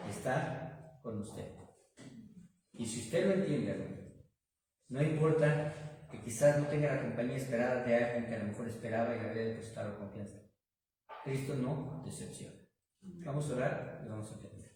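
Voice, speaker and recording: A man's voice: mid-range voice, brisk, darkish tone, a little hiss or hum. A man with a Mexican Spanish accent, preaching a sermon and then leading a long prayer, calling the congregation brothers and asking them rhetorical questions. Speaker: pastor. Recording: echoey hall, from far off the mic.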